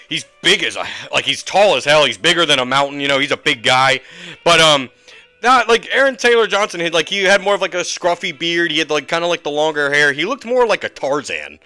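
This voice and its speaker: A man's voice: a little high, pushed and bright. A man giving a casual, rambling movie review rant with lots of fillers and frank asides. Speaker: host.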